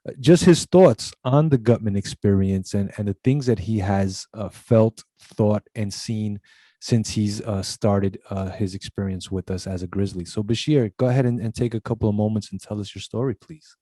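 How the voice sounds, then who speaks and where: A man's voice: fairly low pitch, normal speed, mellow, no room sound. A man hosting a college talk show, giving earnest, formal introductions over a video call. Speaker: show host.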